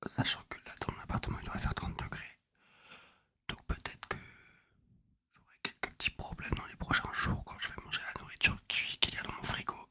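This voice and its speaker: A young man whispers a rambling, wry, self-mocking ASMR chat close to a binaural microphone. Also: brisk. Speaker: ASMR video host. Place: apartment at night. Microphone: close binaural USB microphone.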